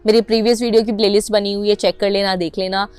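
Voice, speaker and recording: A woman's voice: medium pitch, little pitch movement, fast, a little mellow, clear, resonant tone, soft background music. A young adult Indian woman teaching public speaking to camera, mixing English into Hindi with an Indian English accent and stressing her words emphatically. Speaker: anchoring and public speaking coach.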